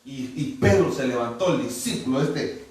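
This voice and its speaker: A man's voice: mid-range voice, expressive, moderate pace, darkish tone. A man preaching a sermon as pastor, animatedly acting out Bible dialogue. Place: church hall. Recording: echoey church hall, distant mic.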